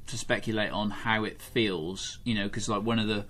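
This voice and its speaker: Low-voiced man, measured podcast host. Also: steady tone, fairly bright tone. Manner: measured, hesitant, many ums. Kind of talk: casual podcast chat.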